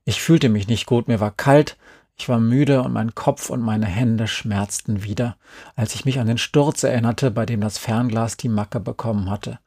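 A man calmly reading a first-person story aloud. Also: medium pitch, moderate pace, breathy edge, dry recording, clean studio sound. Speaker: audiobook reader.

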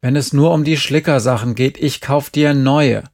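Calm coaxing adult man, as a male reader voices him, gentle, patient. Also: medium pitch, moderate pace, lightly acted. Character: easygoing adult man talking to kids.

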